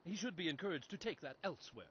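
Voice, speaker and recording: A cheerful scholar judge in a video game, mild and keen. His fairly high voice moves a lot, heard on dull lo-fi game audio. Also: expressive, quick pace, a bit bright, slight background noise. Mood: eager. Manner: enthusiastic, friendly.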